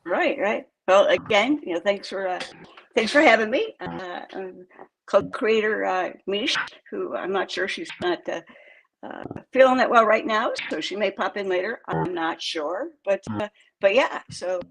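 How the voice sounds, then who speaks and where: A woman's voice: mid-range voice, animated, measured pace, vocal fry, low-quality recording. A woman in her seventies from New York State, a guest chatting casually in an interview about her working life, talking in a rambling, hesitant way with lots of fillers. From New York State, USA. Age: 70s. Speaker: guest, crypto project co-creator.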